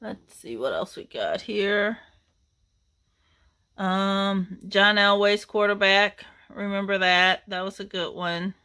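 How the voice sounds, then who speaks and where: Middle-aged woman going through her game shelf, unhurried, lots of ums, nostalgic rambling. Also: medium pitch, bright, forceful tone, smooth. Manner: rambling, nostalgic, many fillers. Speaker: retro game collector. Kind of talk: casual chat.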